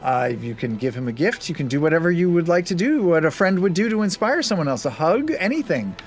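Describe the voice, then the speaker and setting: A woman's voice: fairly low pitch, very animated, fast, a little mellow, a little hiss or hum. A woman running a tabletop game as game master, narrating and ruling on rolls with frequent laughter.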